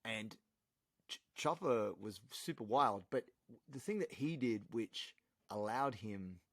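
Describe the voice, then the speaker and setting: An Australian man, a podcast guest, chatting casually and telling animated, swear-laced stories. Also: on the low side, takes it slowly, dry recording. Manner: animated storyteller, swears freely.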